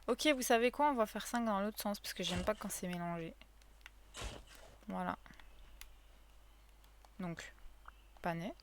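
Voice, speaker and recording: A woman's voice: medium pitch, measured pace, long pauses, slight background noise. Chatty woman streaming a cozy game. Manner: chatty, talks to viewers, counts aloud, bursts into cries of frustration. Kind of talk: casual gameplay commentary.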